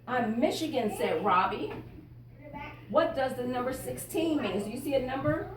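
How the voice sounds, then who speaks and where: A high-voiced woman reads a picture book aloud to a group of children. She pauses to ask them questions and to explain words. She is heard from some distance, in a room with a lot of echo. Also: lively intonation, a crowd in the background. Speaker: politician reading aloud to children.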